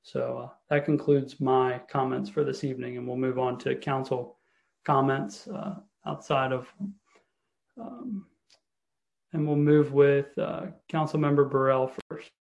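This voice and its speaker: A man chairs a town council meeting as mayor, his voice level and flat with little rise or fall. He speaks haltingly, leaning on fillers and restarts as he moves through the agenda. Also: medium pitch, vocal fry, lo-fi sound.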